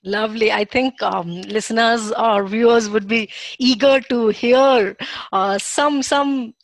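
A woman's voice: on the high side, steady tone, slow, no echo, rough recording. A woman with a North Indian accent hosting a casual interview, effusive and slipping between English and Hindi. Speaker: podcast host.

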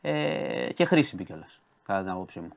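A man's voice: low-pitched, big pitch swings, creaky. A man giving news and sports commentary on a studio show, hesitant, with frequent restarts and hedges. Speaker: studio contributor.

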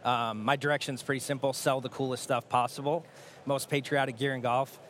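A man answering casually as an interview guest at a trade show, with halting, hesitant phrasing. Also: medium pitch, little pitch movement, fairly bright tone. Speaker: interview guest, golf merchandiser. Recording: faint ambient background noise.

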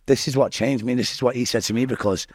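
A man's voice: mid-range voice, fairly even intonation, fast talker, breathy edge, no room sound. A man with a Manchester accent tells his own story casually as an interview guest, in slangy, sweary talk that keeps addressing the listener.

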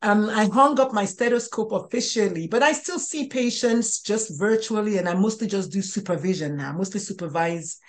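A woman's voice: mid-range voice, normal speed, few pauses. A woman in her sixties, a pediatrician and life coach, talking as an interview guest with many restarts and fillers. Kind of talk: interview conversation.

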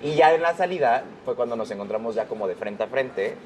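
A man's voice: mid-range voice, expressive, a little fast, a little mellow, a little hiss or hum. A man with a Mexican accent, a guest who backs up his friend's story and adds details. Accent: Mexican Spanish. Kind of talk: casual chat.

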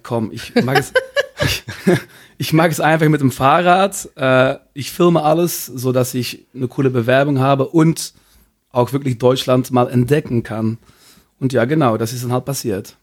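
A man's voice: mid-range voice, normal speed. A man from Belgium, a podcast guest speaking hesitantly and searching for words in a casual interview.

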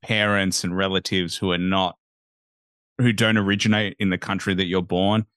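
A man's voice: sits low, little pitch movement, moderate pace, fairly bright tone, no echo, studio quality. A man hosting a podcast interview, asking thoughtful, probing questions in a casual manner. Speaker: podcast host.

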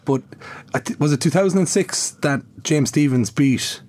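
A man's voice: on the high side, moderate pace, a little mellow. A man with an Irish accent hosts an interview, asking long, roundabout questions in a conversational way. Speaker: interviewer, podcast host.

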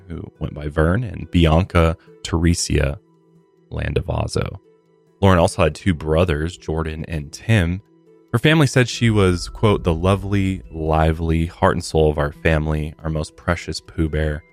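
With faint music underneath, a low-voiced American podcast host covers true crime. He moves somberly between scripted narration and offhand commentary.

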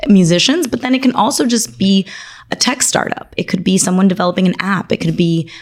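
A woman's voice: medium pitch, expressive. A woman born in Argentina and raised in Miami, an attorney speaking as a guest in a conversational interview, articulate and enthusiastic. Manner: articulate, enthusiastic, lists things quickly.

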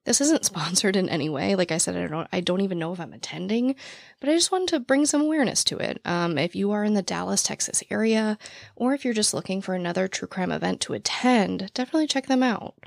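A young woman with a naturally raspy, gravelly voice, full of vocal fry, rattles along as a podcast host, breathless and fast. She is recorded close and dry on a podcast mic, with no room sound around her. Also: medium pitch, animated, dry recording. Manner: talks very fast, with laughs and fillers. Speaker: true crime podcast host. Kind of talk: casual chat to listeners. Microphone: podcast mic, standing while recording.

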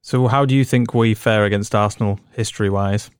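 A man hosting a football podcast, steering the chat with steady questions and stats. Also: fairly low pitch, a little fast, clean tone, no echo, studio quality. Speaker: podcast host. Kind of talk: casual sports chat.

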